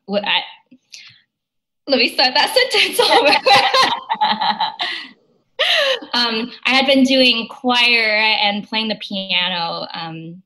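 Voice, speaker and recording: A young woman from China speaks in a bright, clear-edged voice over a video call. She answers interview questions thoughtfully, with plenty of "um"s along the way. Her pitch sits in a middle range for a woman. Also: slight background noise, low-quality recording. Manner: thoughtful, with frequent fillers and light laughs. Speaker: opera singer, guest.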